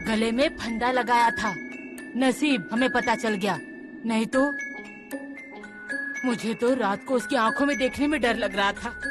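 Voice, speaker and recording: A protective, reassuring mother. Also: on the high side. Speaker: mother of the household. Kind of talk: TV serial acting. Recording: background score music. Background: music.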